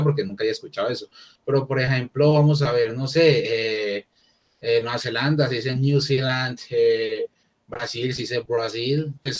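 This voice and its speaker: A man teaching an English class online, talking casually and thinking aloud with many restarts. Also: medium pitch.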